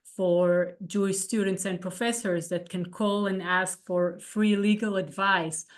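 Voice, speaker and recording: A woman executive speaking on a panel, measured and pausing often with fillers. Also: mid-range voice, steady tone. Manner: measured, with frequent hesitations. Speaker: international affairs executive. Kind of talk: panel conversation.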